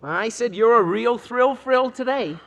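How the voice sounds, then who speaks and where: A man's voice: very high-pitched, a little slow, creaky, fairly bright tone, dull audio, exaggerated voice. An actor playing an eager teenage boy full of slang in a 1940s radio sitcom. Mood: slangy.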